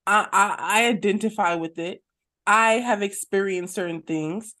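A podcast co-host trades casual, slangy banter, regularly checking that the listener is following along. Her voice is mid-range with a sharp tone, and she keeps a measured pace in this conversational style.

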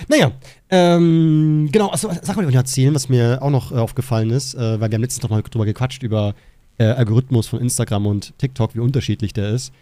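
A man with a dark, mellow voice rambles through a casual podcast chat. He is animated and swears freely, recorded close and dry. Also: mid-range voice, fast talker, dry recording. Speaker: podcast co-host.

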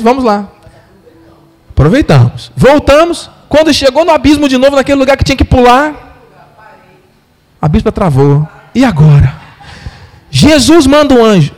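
A man with a Brazilian Portuguese accent preaching a sermon, telling a story with animated voices for the people in it. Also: high-pitched. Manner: animated storyteller, acts out quotes. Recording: long hall reverb.

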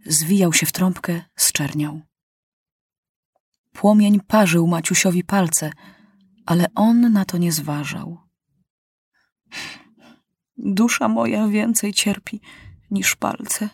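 A woman narrating an audiobook of a children's novel in a calm, measured way. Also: on the low side, husky, no room sound, clean studio sound.

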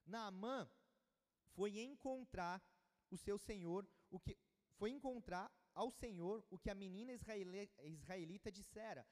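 A man's voice: high-pitched, unhurried, a little mellow. A man preaching a sermon, reading scripture and adding informal, slangy asides. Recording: long hall reverb.

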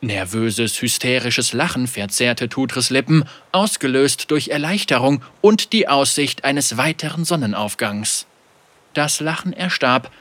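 A man narrating a dark adventure audiobook in a vivid, dramatic storytelling manner. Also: mid-range voice, no room sound.

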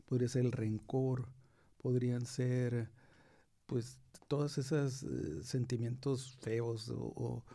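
A man with a Mexican Spanish accent co-hosting a podcast in casual chat, reflective and unhurried. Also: mid-range voice, fairly even intonation, mellow, no echo. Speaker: podcast co-host.

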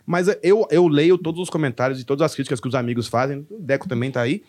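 Brazilian male comic guest, profane animated storyteller, casual podcast chat. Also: medium pitch, fast. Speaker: stand-up comedian guest.

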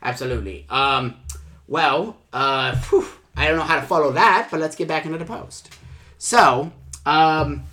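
A man hosting a comedy show in improvised chat, talking in a rambling, halting and effusive way. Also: fairly high pitch, sharp tone.

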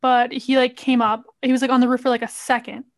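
A woman's voice: on the high side, flat delivery, quick pace. A young woman guest on a podcast, talking in a dry, sarcastic way. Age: young adult. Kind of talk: casual chat.

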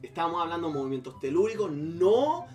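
High-voiced Chilean man telling a crude story. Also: fairly quick, soft background music. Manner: crude, laughing, animated retelling. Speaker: podcast host. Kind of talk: casual joking storytelling.

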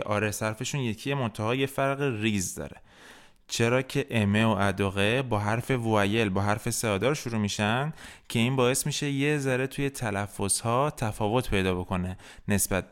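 A man's voice: fairly low pitch, clean tone. A man teaching French in a podcast lesson, patiently explaining grammar step by step and modeling words for the listener to repeat. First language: Persian.

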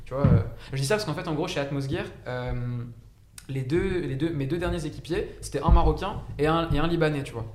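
Fast-talking, rambling man in a roomy echo. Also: fairly high pitch, noisy background. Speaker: guest, company founder. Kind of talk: casual podcast chat.

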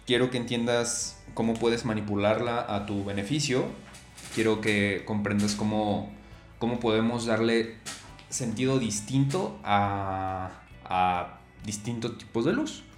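A man's voice: fairly low pitch, a little slow. A man hosting a casual solo podcast, talking loosely with many fillers and repeated words. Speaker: podcast host. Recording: echoey room, faint music.

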